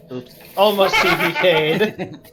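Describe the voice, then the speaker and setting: A man's voice: high voice, slow, heavy background noise. A man playing in a tabletop horror game, chatting playfully on a livestream and often laughing. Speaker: player. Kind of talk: casual livestream chat.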